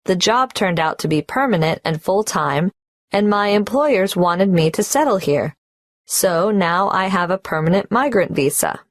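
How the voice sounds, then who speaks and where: Woman voicing a young migrant applicant, unhurried, dry close sound, careful and a bit hesitant. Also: medium pitch, expressive, no room sound, close to an everyday voice. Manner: hesitant, careful, spells out details. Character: young adult woman migrant applying for a tax number. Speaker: applicant at the tax office. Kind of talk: scripted exam dialogue.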